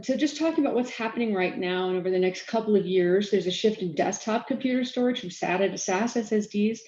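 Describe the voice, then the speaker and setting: Woman, keynote speaker, quick delivery, mellow tone, roomy muffled sound. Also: mid-range voice. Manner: fast-talking, self-aware about speed. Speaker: keynote speaker, storage architect. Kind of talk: conference keynote presentation.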